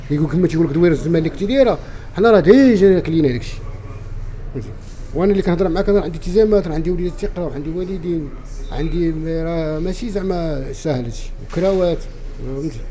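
Moroccan man, forties, Casablanca accent. Rapid, emphatic, aggrieved interviewee, slightly muffled recording with faint noise. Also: high-pitched, dark tone. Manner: emphatic, aggrieved, repeats himself. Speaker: café owner being interviewed. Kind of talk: street interview, spontaneous complaint. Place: inside a small café, behind the counter. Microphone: handheld reporter microphone.

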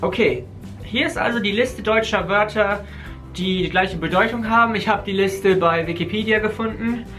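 Bright-voiced young German man teaching. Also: sits high, normal speed, soft background music. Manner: patient, corrects gently, laughs often. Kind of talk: casual chat, language lesson. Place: hotel bedroom, indoors.

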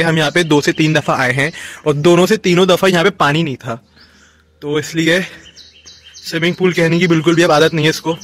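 A man's voice: on the high side, a little hiss or hum. A young man from Pakistan with an Urdu accent, talking casually as a vlogger with friends and touring a place. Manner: excited, shouting and laughing with friends; chatty walkthrough tour. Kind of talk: casual group vlog.

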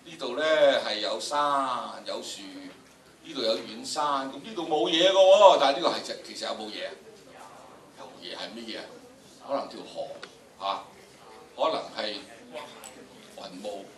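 With lively intonation, normal speed and long pauses, an older man with a Hong Kong Cantonese accent lectures a drama class in a fairly bright mid-range voice. His style is theatrical and emphatic as he speaks directly to students and performs dramatic recitations. The sound comes from a distant mic in a large indoor lecture room, echoey and noisy.

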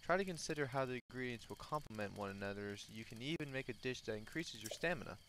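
A lonely, wistful old hermit, read out by a man playing the game. He speaks slowly and earnestly, with a hint of theatre, and steady game noise runs behind him. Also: mid-range voice. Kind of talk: reading game dialogue in a put-on voice.

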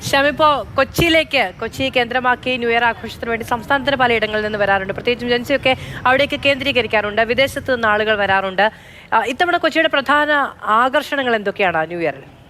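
A woman's voice: fairly high pitch, fast, bright, forceful tone, a little hiss or hum. A woman presenting live news as an anchor.

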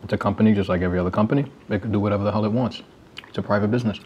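Young male vlogger, lowish voice, wry casual commentary while eating cereal. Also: fairly even intonation, very fast, a little mellow, lo-fi sound, a little hiss or hum. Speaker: YouTuber.

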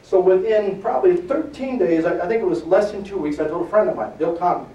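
A middle-aged man gives a motivational fitness seminar to a live audience. He is energetic and keeps checking in with the crowd. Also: sits high, fairly quick, muffled recording. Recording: echoey room, distant mic.

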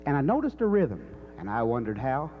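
Mellow cowboy drawl, middle-aged man. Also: mid-range voice, very animated, brisk, faint music behind. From Kansas. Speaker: cowboy poet. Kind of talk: live cowboy poetry recitation with spoken introduction. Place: dark indoor stage. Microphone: stage microphone on a stand. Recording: faint noise and hum.

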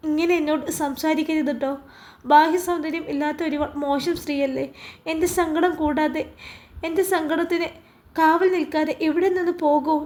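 A woman's voice: high-pitched, darkish tone, natural voice. A woman doing a tearful, lonely young woman. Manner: tearful, pleading, bitter.

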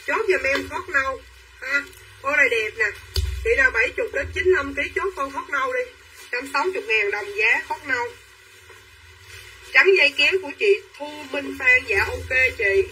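Bright, pushy woman selling live. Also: sits high, recorded from a distance, a little hiss or hum, poor audio. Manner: quick and pushy, urging buyers to claim items. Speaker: livestream clothing seller. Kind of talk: live-selling chatter to viewers.

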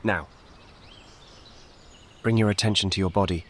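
Calm and measured, a man reads a guided meditation script, his instructions short, soft and soothing. His voice is low.

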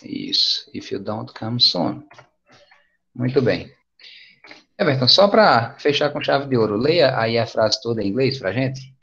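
A man with a Brazilian Portuguese accent leads an online English lesson, patient and encouraging in a relaxed, casual tone. His voice has a gravelly edge. The video-call audio sounds dull and lo-fi. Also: mid-range voice, a little slow. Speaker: English teacher. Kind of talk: online class teaching.

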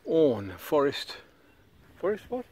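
A man's voice: a little high, wildly swooping pitch, slow, darkish tone. Enthusiastic middle-aged man outdoors. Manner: enthusiastic, rambling, points things out on a walk. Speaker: vlogger. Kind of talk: casual outdoor narration. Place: forest, outdoors. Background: birdsong and forest ambience.

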